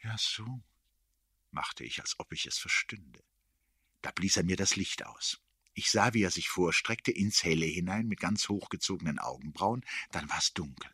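A man reads literary prose aloud, measured and expressive, sinking into a hush when the tension rises. His voice is very low and husky, with a sharp, cutting edge. The sound is close and entirely dry. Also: no echo. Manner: measured, expressive, hushed in tense moments. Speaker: narrator. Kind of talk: literary audiobook reading.

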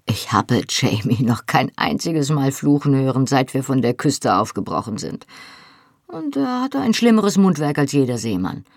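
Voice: medium pitch, very animated, moderate pace, dry recording, clean studio sound. A reader voicing a man who mocks a comrade, in a teasing drawl. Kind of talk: audiobook character reading.

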